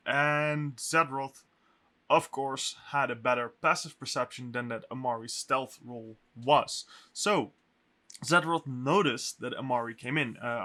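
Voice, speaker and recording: A man recapping a tabletop game session as game master, his voice sounding echoey, talking haltingly with fillers and restarts. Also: medium pitch, sharp tone.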